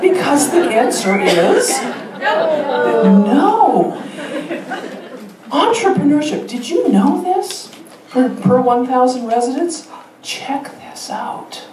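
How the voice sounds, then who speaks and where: Woman giving a lively talk in a roomy theater. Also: high-pitched, background noise. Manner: lively and emphatic, with rhetorical questions and light laughter. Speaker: teacher educator giving a public talk. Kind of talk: staged public talk with slides. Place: theater stage. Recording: roomy theater sound heard from a distance.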